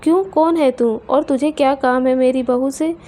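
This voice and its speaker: A woman's voice: high-pitched, normal speed, mellow, natural voice. A woman voicing a harsh, taunting older mother-in-law in a storybook tale. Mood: scolding. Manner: scolding, taunting. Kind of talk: storybook character voice.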